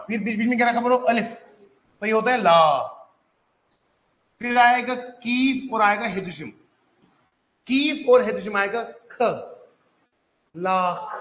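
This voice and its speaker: A man's voice: high-pitched, bright, forceful tone, roomy sound, poor audio. A man teaching an online reading lesson, coaxing students to sound out letters, mixing in English phrases. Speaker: Urdu teacher.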